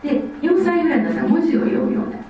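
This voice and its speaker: Fast-talking woman lecturing in a hall. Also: very high voice, lo-fi sound, a little hiss or hum. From Osaka. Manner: lively, acts out children's speech. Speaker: lecturer on child development. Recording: echoey hall, distant mic, faint ambience.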